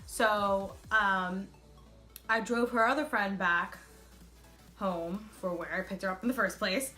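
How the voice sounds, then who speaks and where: Female vlogger, twenties, bright forward tone, casual animated storytime, music underneath. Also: medium pitch, takes it slowly. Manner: animated retelling with quoted dialogue.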